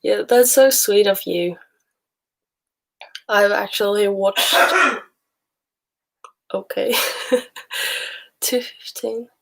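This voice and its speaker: Sick but still streaming, a young woman from Sweden rambles and laughs with her viewers in an accent that blends Swedish with Texan, Australian and British touches. She speaks very slowly with long pauses, in a creaky, slightly bright mid-range voice, over slight background noise.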